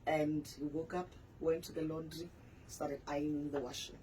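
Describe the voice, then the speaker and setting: A woman's voice: low voice, level tone, moderate pace, warm tone, a little hiss or hum, low-quality recording. A woman in her forties, a pastor and author, candidly telling her personal story in a radio interview. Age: 40s.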